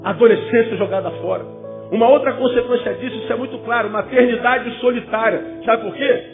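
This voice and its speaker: High-pitched preaching pastor, tinny sound. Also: male voice, a little fast. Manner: emphatic preaching, rhetorical questions, jokey asides. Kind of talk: sermon to young people. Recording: phone-like, with loud music.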